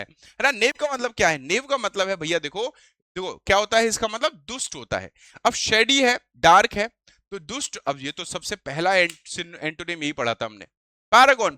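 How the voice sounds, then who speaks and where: A male teacher explaining vocabulary in Hindi and English, who asks rhetorical questions and reads English phrases slowly. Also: sits high, sharp tone, dry recording, clean studio sound.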